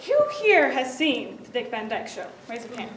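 The director of a show, a young adult woman, gives its introduction from the stage of an indoor theatre, chatty, informal, and giggly. Her voice is a little high and very animated, at normal speed. It was recorded on a distant audience camera, so it's noisy, echoey, and remote.

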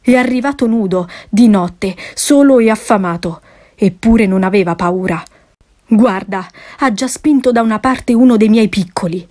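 A woman voicing a fierce, protective mother wolf, speaking slowly and emphatically. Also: mid-range voice, darkish tone, natural voice. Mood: determined.

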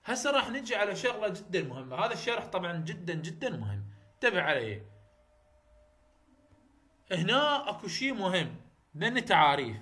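A man's voice: high-pitched, sing-song, fast talker, sharp tone. A man with an Iraqi Arabic accent giving a university phonetics lecture, often repeating terms and checking that students follow. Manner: repetitive, checks understanding, mixes English terms into Arabic.

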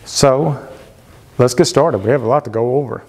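In his wood-paneled home workshop, a thirty-something woodworking channel host chats to camera, giving advice with lots of gestures and frequent fillers. His mid-range voice moves at a normal speed, and the recording has background noise plus the long reverb of the workshop.

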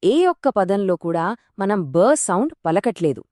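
Female co-teacher, encouraging and clear, lively intonation, dry close recording. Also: medium pitch, measured pace, no room sound. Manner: encouraging, stresses tips and common mistakes. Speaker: pronunciation co-teacher. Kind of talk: scripted explanatory lesson.

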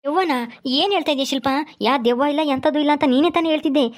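A skeptical father-in-law scolds quickly and brushes things off, voiced by a woman. The voice is high and fast-talking, in a comic village skit. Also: natural voice. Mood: dismissive. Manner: brisk, dismissive, scolding.

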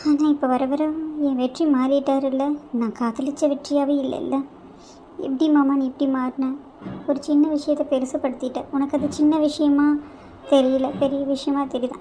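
A woman voicing a hurt young wife in an animated cartoon, tearful, reproachful and pleading with her husband. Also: high-pitched, lightly acted.

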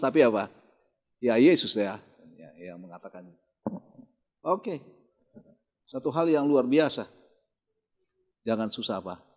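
A man's voice: medium pitch, darkish tone. A man with an Indonesian accent preaching a morning devotional sermon in church. He reads scripture and then quizzes the congregation with questions he answers himself. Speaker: pastor.

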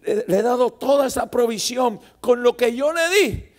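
A man's voice: very high voice, lively intonation, moderate pace, pitched above the performer's own voice. A man voicing an offended, indignant God who is speaking to Moses. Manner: emphatic and aggrieved, repeating his complaint.

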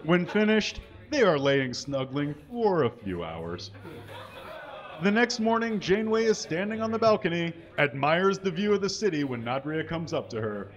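This is a comedy show performer reading fan fiction live, his fairly high voice rising and falling dramatically at a normal speed. Into a stand microphone on a small curtained stage, before an audience, he hams it up with mock earnestness and reads out the mistakes and punctuation. The audio sounds dull.

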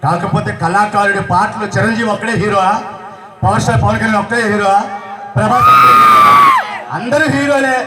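High-voiced guy hosting a mimicry show outdoors, loud and chatty, echoey and far off with a crowd. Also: flat delivery, fast talker. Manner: loud, chatty, teasing the audience. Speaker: mimicry artist and stage host. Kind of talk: live stage comedy banter. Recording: echoey outdoor stage, distant, crowd noise.

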